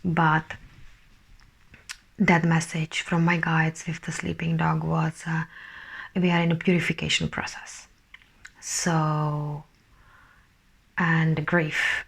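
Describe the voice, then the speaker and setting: A woman giving a casual spiritual energy update as a channeller, talking haltingly, searching for words and often dropping to a soft whisper. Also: deep voice, vocal fry, husky.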